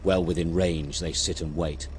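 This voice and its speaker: A man's voice: low voice, fairly even intonation, moderate pace. A man giving scripted war documentary narration in terse, dramatic short sentences. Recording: loud vehicle and battlefield noise behind.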